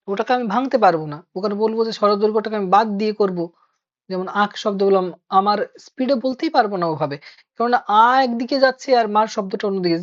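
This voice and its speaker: A woman teacher in an online class, explaining step by step and asking her students questions. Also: fairly high pitch. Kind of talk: online Bengali grammar class. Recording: dull lo-fi online class audio.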